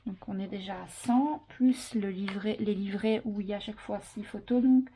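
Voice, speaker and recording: Woman with an accent, craft tutorial, chatty, step-by-step, mellow warm tone, faint hiss. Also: medium pitch, normal speed. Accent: non-French accent. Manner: chatty, counts and explains step by step with fillers. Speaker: scrapbooking crafter presenting an album. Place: at home.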